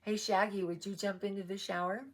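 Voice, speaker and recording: A woman reading a children's picture book aloud, with chatty asides to her dog. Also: medium pitch. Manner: slow, animated, chatty asides. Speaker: storybook reader.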